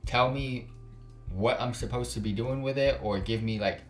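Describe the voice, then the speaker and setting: A gaming channel host reads a visual novel aloud, breaking in with informal, slangy asides. His voice is medium-pitched at normal speed, with faint music behind.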